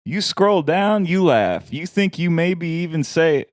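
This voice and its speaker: A man's voice: fairly high pitch, animated, a little slow, no room sound, clean studio sound. A man doing a comic voice with a put-on accent, speaking in exaggerated clipped broken phrases. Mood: hyping.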